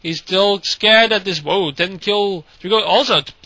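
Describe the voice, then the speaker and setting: A man casually commentating a strategy game replay, excitable and sarcastic, mocking the players and swearing. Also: high-pitched, a little slow, no room sound, dull audio.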